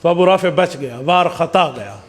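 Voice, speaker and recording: A man's voice: sits high, expressive, big-room sound. A man preacher telling a story dramatically in an Islamic sermon.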